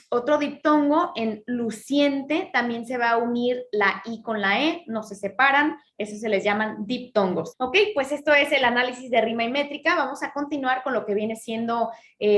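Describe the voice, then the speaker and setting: A woman teaching Spanish literature, explaining step by step, checking in with her students often, and reading verse slowly when she counts syllables. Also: on the high side, a bit bright. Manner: reads verse lines slowly, drawing out syllables. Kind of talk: lesson on poetry.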